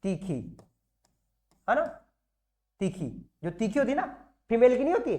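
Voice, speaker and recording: A man's voice: extremely high pitch, very animated, normal speed, dark tone. A man teaching nursing exam material in a classroom lecture style, repeating key words and asking and answering his own questions.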